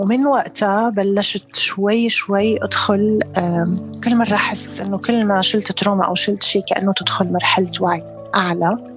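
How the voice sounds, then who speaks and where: Woman, Levantine Arabic accent, average pitch, casual reflective storyteller with hesitant, emphatic phrasing, faint music behind.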